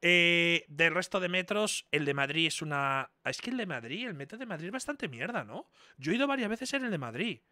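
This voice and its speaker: Brief young male streamer in his twenties, voice a little high, chatty, prone to loud disbelief, dry desk mic. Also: sing-song, a little fast, hardly any pauses, no room sound. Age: 20s. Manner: chatty, incredulous, loud outbursts. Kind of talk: casual live-stream chat.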